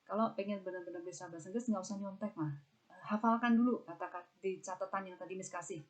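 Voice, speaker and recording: A woman's voice: medium pitch, fairly even intonation, fast. A young adult woman English teacher, explaining a lesson in a chatty, casual way, often adding "gitu ya". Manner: chatty, repeats "gitu ya" and "nah", stresses example words. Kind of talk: casual classroom lesson narration.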